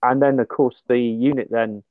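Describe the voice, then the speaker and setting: A man's voice: medium pitch, fairly even intonation, no echo. A man interviewing a veteran, giving short encouraging responses and follow-up questions. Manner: brief encouraging responses, quick to laugh. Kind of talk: oral history interview. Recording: tinny phone-like line, dry.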